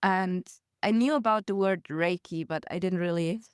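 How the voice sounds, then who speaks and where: Smooth, dry-voiced woman guest. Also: on the low side, moderate pace, no room sound. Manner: storytelling with laughs and acted quotes. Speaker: podcast guest. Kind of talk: casual conversational interview.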